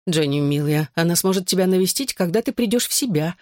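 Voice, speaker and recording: A reader voicing a caring, worried mother who scolds gently. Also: medium pitch, expressive, fast, dry recording, clean studio sound, natural voice. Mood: fretting. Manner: soft, fretting.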